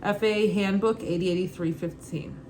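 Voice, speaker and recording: A young woman with a Brooklyn accent reads study material aloud in an informal, halting way, adding casual asides. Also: medium pitch, fairly even intonation, a little mellow. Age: young adult. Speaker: student pilot reading an exam guide. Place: kitchen at home, indoors. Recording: clearly noisy home room ambience.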